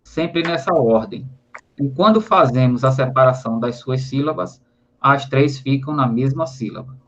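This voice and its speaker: A man's voice: mid-range voice, moderate pace, a bit bright, slight background noise. Brazilian guy teaching grammar online, mid voice, kinda muffled lo-fi audio. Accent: Brazilian Portuguese. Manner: explanatory, frequent tag questions, spells out syllables. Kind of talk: recorded online grammar lesson. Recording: slightly dull lo-fi audio.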